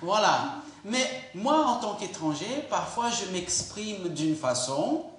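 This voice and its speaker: A man from Brazil preaching a sermon in a church, animated and acting out quoted voices. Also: high voice, slow. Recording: echoey church hall.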